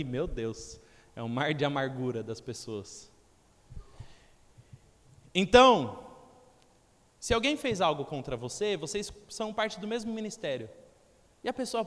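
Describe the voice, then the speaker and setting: A young man preaching a sermon in a church hall, talking conversationally and acting out the people he quotes. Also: a little high. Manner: conversational, acts out quoted voices. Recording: long reverb of a church hall.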